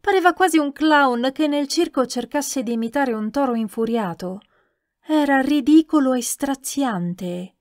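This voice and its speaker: A woman narrating a novel in a measured, expressive audiobook reading. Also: high voice, no echo, studio quality. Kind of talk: scripted narration.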